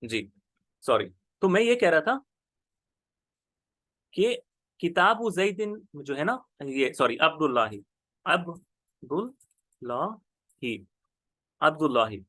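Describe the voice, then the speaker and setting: A male teacher runs an online grammar class, his high, animated voice rising and falling freely. He goes slowly and patiently, repeating every term so students can keep up, and the sound is close and dry with no room around it.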